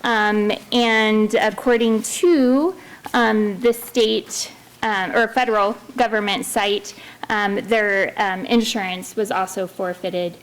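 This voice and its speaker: A woman's voice: medium pitch, fairly even intonation, slow pace, rough recording. A woman giving a semi-formal public comment, hesitant, with frequent ums breaking up her phrases. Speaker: public commenter at a city council meeting.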